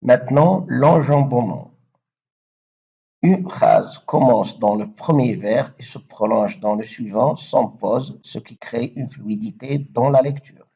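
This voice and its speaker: Slow methodical guy teaching verse, dark husky voice, lots of euh. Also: mid-range voice, dull audio. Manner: slow, methodical, with repeated fillers. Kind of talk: explaining French poetry meter.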